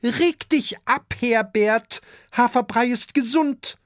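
A man voicing a motherly female dragon who scolds and fusses briskly, in a children's audiobook. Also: very high voice, no room sound, clean studio sound, pitched above the performer's own voice. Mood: scolding motherly.

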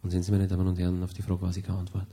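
Deadpan Austrian comedian telling a story. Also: male voice, sits low, racing. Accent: Austrian German. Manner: rambling, deadpan storytelling with hesitations. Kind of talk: stand-up comedy monologue.

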